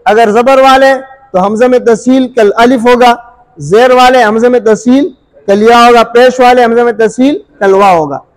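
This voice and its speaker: A man teaching Quran recitation rules, repeating each point and asking the listener rhetorical questions, sometimes drawing out sounds slowly to demonstrate. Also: very high-pitched, low-quality recording. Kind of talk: Urdu tajweed lesson.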